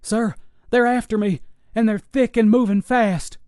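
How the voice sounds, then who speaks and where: A man's voice: sits high, steady tone, unhurried, darkish tone, no echo, clean studio sound, voice pushed up. A man voicing a shaken Navy SEAL who talks in clipped, urgent military radio phrases. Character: shaken male Navy SEAL soldier on the run.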